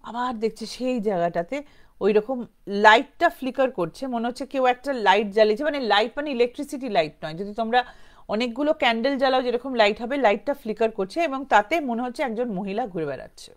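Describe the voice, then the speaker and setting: A woman whose voice is on the high side, a little fast and lively in intonation, tells a ghost story informally. It's rambling and conversational, sprinkled with English words, with quotes lightly acted out.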